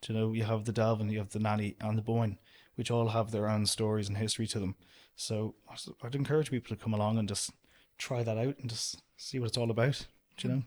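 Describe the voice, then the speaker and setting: An Irish man in his young adult years chats easily as a guest, his voice sitting a little low. He rambles comfortably, leaning on "do you know" as he talks about being outdoors. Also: little pitch movement, quick pace, few pauses, a little mellow. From Ireland. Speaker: guest, outdoor business owner. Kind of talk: casual interview chat.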